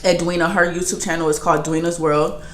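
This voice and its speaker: A woman's voice: on the low side, fast talker. Slangy young woman telling a story. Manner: animated, slangy, laughing storyteller. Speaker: vlogger. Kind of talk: casual storytime. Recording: roomy echo with faint music.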